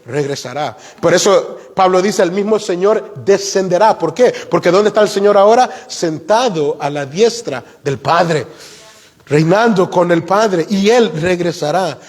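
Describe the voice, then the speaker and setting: A man delivers an expository sermon in a high, ringing voice. He climbs higher and louder to stress his main points and keeps asking the congregation questions. The church hall gives his words a long reverb tail. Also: lively intonation, measured pace. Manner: emphatic, rises in pitch for key points; asks the congregation rhetorical questions. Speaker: preacher. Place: church sanctuary.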